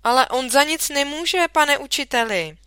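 A woman's voice: sits high, expressive, bright, forceful tone, dry recording, clean studio sound, pitched above the performer's own voice. A woman voicing an earnest young schoolboy who eagerly protests, in a storybook reading.

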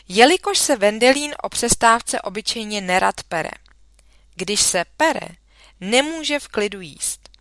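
A woman reads a children's storybook aloud in a lively storytelling manner. Her voice is bright and crisp. The studio sound is dry and close. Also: medium pitch, no echo. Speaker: audiobook reader. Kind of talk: children's audiobook narration.

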